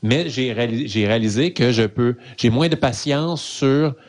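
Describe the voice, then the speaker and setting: A man's voice: medium pitch, normal speed. A middle-aged man with a Québécois accent, a comedian chatting candidly as a podcast guest and poking fun at himself. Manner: candid, self-mocking, lively retelling. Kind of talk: casual podcast conversation.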